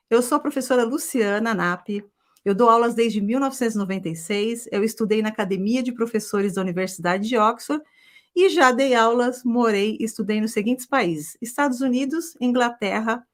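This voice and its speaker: This is a middle-aged woman, giving a live online English lesson. Her voice sits a touch high, and she keeps the pace lively and chatty. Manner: lively, chatty, often adds "tá?". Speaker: English teacher.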